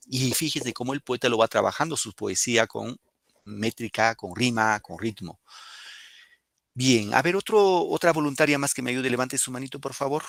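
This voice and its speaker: A man's voice: mid-range voice, vocal fry, fairly bright tone, no room sound. A male teacher with a Peruvian Spanish accent explaining a poem and questioning his students in a classroom lesson. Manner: explains and questions students, reads poems aloud.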